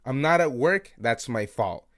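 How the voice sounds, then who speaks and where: A man's voice: medium pitch, animated, measured pace, a bit bright. A man in his early twenties hosting an unscripted late-night solo podcast, rambling, self-critical and swearing, with many fillers and laughs. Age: 20s. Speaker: podcast host.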